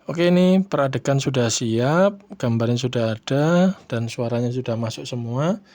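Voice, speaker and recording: A man calmly walking viewers through a video editing tutorial, stopping often to check in with his audience. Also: mid-range voice. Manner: unhurried, repeats "ya, teman-teman" often. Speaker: tutorial host. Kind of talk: screen-recorded software tutorial.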